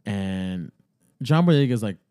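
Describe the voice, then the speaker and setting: Man, low mellow voice, dry close sound, casual animated chat, laughs a lot. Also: slow pace, no echo. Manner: animated, laughing, acts out quotes.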